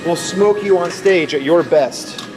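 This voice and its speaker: A man's voice: high voice, a little slow, music in the background. A man bantering casually in a sarcastic, needling way as a workout partner in an echoing gym. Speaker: training partner. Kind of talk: casual banter while working out. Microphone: camera filming in the gym.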